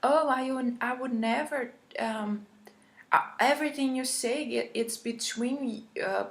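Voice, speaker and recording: Fields: a woman mimicking a whiny, fretful therapist, high and pleading. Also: unhurried, creaky. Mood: fussy. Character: fretful pushy male therapist, mocked.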